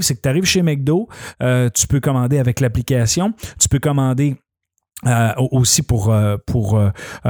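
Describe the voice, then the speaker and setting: A man's voice: medium pitch, darkish tone, no room sound. Man, conversational, many fillers, dry close recording. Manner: conversational, many fillers and restarts, addresses listeners directly. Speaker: commentator on advertising. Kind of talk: casual spoken commentary.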